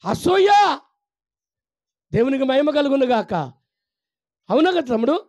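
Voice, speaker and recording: A male pastor giving a fasting prayer sermon. He preaches fervently, swinging from loud exclamations to hushed, tender pleading, and calls his listeners child and mother. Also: very high-pitched, animated.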